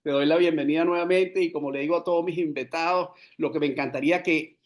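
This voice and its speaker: A man's voice: fairly high pitch, steady tone, fast talker. Fluent man hosting a business podcast. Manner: fluent, mixes English business terms into Spanish; frequent "eh" fillers. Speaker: podcast host. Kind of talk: scripted interview introduction.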